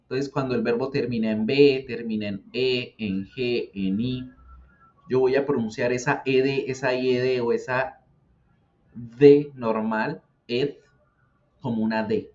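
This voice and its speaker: A man teaching English pronunciation as a patient teacher who repeats words slowly for the learner. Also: medium pitch, fairly even intonation, a little mellow. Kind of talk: explaining English grammar and pronunciation. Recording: dull lo-fi sound.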